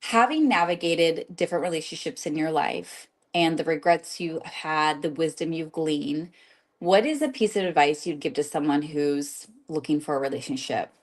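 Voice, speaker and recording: Young woman in her 20s, bubbly and friendly, asking questions, a bit low-pitched. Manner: bubbly, quick to laugh, friendly. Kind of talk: casual interview chat.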